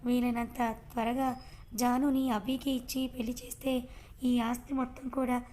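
A woman voicing a greedy, scheming woman plotting quietly in a storybook reading. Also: a little high, little pitch movement, normal speed, lightly acted.

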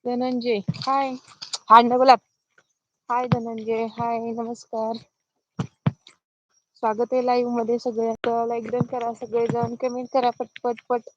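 A woman's voice: on the high side, monotone, a little slow, mellow, muffled recording. A woman from the Dharashiv area, chatting casually on a live stream while herding goats outdoors, greeting viewers and reading their comments into her phone. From Dharashiv district, Maharashtra.

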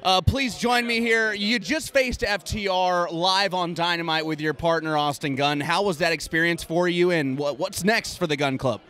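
A man's voice: high voice, normal speed, hardly any pauses, pushed and bright. A man playing an overeager mock TV news reporter with a handheld mic in a crowded convention hall, delivering in an exaggerated newscaster way. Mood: hammy newscaster.

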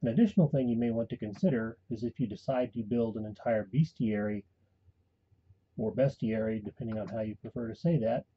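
A man calmly giving a step-by-step voice-over tutorial for a tabletop game tool. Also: mid-range voice, quick pace, hardly any pauses, husky, highs cut off. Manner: calm step-by-step instruction. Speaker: tutorial host and game master. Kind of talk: screen-recorded software tutorial.

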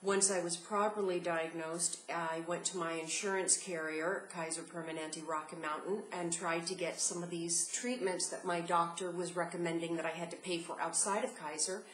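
A middle-aged woman giving a home video testimony as a patient, out of breath and speaking in a halting, earnest way with pauses. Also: on the low side, fairly even intonation, fairly bright tone, echoey room, a little hiss or hum, low-quality recording.

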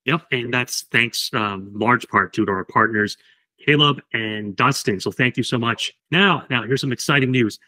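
A man, the company's chief of staff, keeping a business discussion moving in a relaxed, conversational way. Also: mid-range voice, unhurried. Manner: conversational, prompts the questions.

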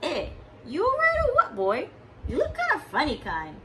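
A woman's voice: sits high, huge pitch swings, normal speed, recorded from a distance, heavy background noise, voice pushed up. A woman voicing a friendly, laid-back male food vendor with magic, speaking Hawaiian Pidgin in a joking, easygoing way.

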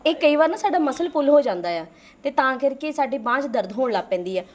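A polite, educated young woman who soothes and helps the family, played by a young woman. Her voice is fairly high and gentle, with a faint hum of room noise. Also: expressive, quick pace. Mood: soothing. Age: young adult. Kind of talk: family drama acting.

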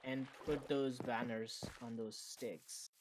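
A man's voice: mid-range voice, fairly even intonation, slow. Rambling young man on hissy voice chat. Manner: curious, rambling questions. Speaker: gamer. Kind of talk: casual gaming chat. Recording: voice chat with audible hiss.

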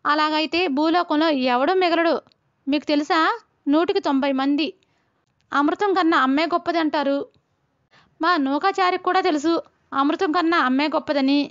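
A high, earnest storybook schoolboy, as a woman puts him on, pleading and insisting without letting up. The recording is dull and lo-fi. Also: moderate pace, pauses often, lightly acted. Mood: insistent. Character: pleading schoolboy arguing with gods.

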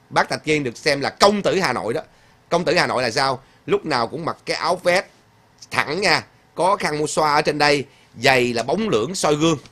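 Bright, emphatic male livestream host. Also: a little high. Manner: emphatic, repeats points, many fillers. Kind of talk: casual livestream chat, reading viewer comments aloud.

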